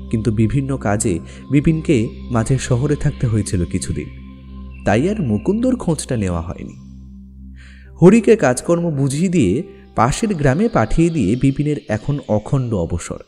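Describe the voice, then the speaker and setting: Over background music, a man with a mellow mid-range voice narrates a scripted ghost story in a dramatic, suspenseful style. The recording carries a long reverb.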